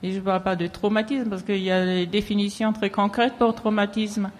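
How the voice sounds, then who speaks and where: A woman speaking off the cuff at a public discussion, very haltingly, with long hesitations and broken phrases. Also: mid-range voice, little pitch movement. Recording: echoey hall with long reverb.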